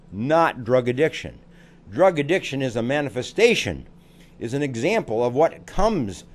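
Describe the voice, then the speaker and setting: Older american guy, psychologist, earnest, repeats himself for emphasis, lively voice. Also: mid-range voice. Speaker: psychologist giving parenting advice. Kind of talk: advice talk to camera.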